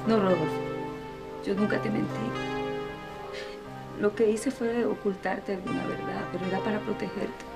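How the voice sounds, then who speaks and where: A woman's voice: medium pitch, flat delivery, normal speed, creaky, pauses often, over loud music, natural voice. An actress playing a bitter, jilted woman who reproaches the man she loved in a telenovela. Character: bitter jilted woman letting her lover go. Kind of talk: telenovela acting.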